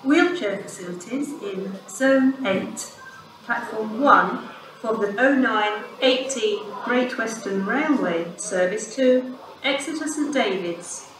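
Recorded from a distance off echoey platform speakers, this is a pre-recorded railway announcement in a woman's somewhat high voice. She delivers it in a formal, measured manner with clearly separated words, with station ambience and background noise.

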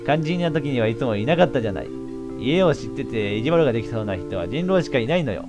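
A man reading the lines of an upset teenage girl from a game, in his own voice with lively pitch. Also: fast talker, music in the background, lightly acted. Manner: reading game dialogue aloud.

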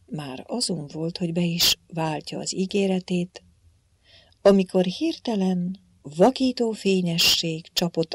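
A woman narrating an audiobook in an even, measured storytelling manner. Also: lowish voice, no room sound, studio quality.

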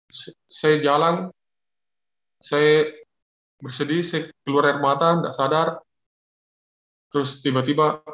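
A man giving an emotional personal faith testimony as a guest, speaking haltingly and repeating his phrases. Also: fairly high pitch, fairly bright tone, roomy sound, highs cut off.

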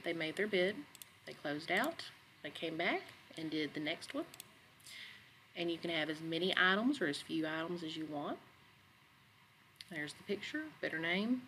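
A woman educator narrating a screen-recorded software tutorial in a relaxed, conversational way with some fillers. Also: lowish voice, a little hiss or hum, poor audio. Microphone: computer microphone, voice-over on screen capture.

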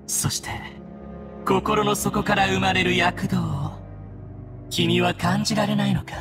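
A man's voice: sits high, fairly even intonation, creaky, over music. A man voicing an arrogant young newborn god in a mechanical body, with a haughty, theatrical delivery for an anime-style game. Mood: lofty disdain. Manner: haughty, theatrical, contemptuous, deliberate. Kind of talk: Japanese anime game voice acting.

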